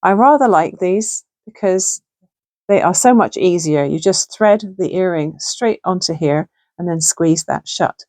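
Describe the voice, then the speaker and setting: A middle-aged crafting channel host chats casually through a project in her home sewing room, thinking aloud as she works. Her fairly low voice is gravelly and slightly hoarse, a little slow, and the recording is close and dry with almost no room sound.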